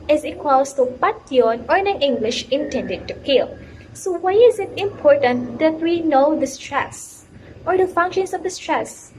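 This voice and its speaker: A young woman student presenting a class report, reading her explanations carefully and a little haltingly. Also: high voice, slight background noise, low-quality recording. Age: young adult.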